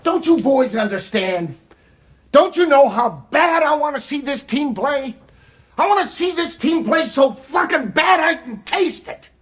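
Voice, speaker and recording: An actor playing an exasperated middle-aged college basketball coach, giving a profane locker-room pep speech that swings from weary muttering to furious shouting. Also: male voice, fairly high pitch, sing-song, normal speed. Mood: furious, berating. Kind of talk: halftime-style locker room pep speech, film acting.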